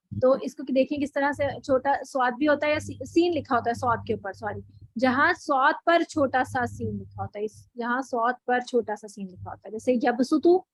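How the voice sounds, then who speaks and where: Woman teacher explaining tajweed, high voice, dry close sound, says things twice. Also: no room sound, rough recording. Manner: explains patiently, repeats and corrects herself. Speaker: Quran recitation teacher. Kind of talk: online class lesson.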